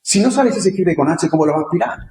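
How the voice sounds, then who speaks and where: An Andalusian-accented man delivers a conference lecture in a casual, conversational way, often turning to the audience with questions. His voice sits a little high for a man. The room around him rings with a roomy echo. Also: animated, very fast, darkish tone. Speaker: conference speaker. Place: lecture hall.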